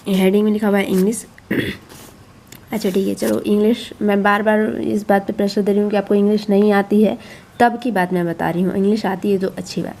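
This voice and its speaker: Reassuring woman guiding parents, mellow voice. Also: mid-range voice, a little hiss or hum. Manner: coaxing, reassuring, repeats herself often. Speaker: channel host explaining a schoolbook to parents. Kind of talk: explaining a schoolbook to parents.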